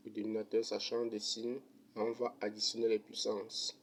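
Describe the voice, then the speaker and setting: A man's voice: fairly low pitch, a little hiss or hum. A man explaining an economics derivation step by step in a methodical lesson, ending with thanks and a sign-off. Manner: slow, methodical, even delivery. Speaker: economics teacher.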